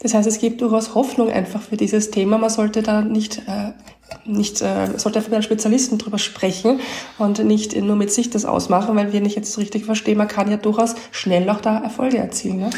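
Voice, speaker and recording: A woman's voice: medium pitch, little pitch movement, a little fast, warm tone. A woman hosting a fitness podcast, asking a guest questions in a chatty, friendly way. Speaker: podcast host. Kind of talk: podcast interview.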